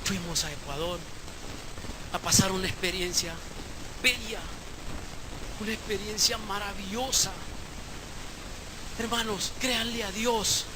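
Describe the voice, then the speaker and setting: A man preaching a sermon as pastor, moving from hushed storytelling to shouted exhortation. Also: high voice, a little slow, long pauses, noisy background. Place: church service, live stream.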